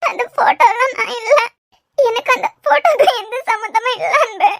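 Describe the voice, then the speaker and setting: A woman's voice: very high voice, normal speed, a bit bright, no echo, studio quality. A woman voicing a tearful young bride in a cartoon, pleading her innocence, with a Kanyakumari Tamil accent.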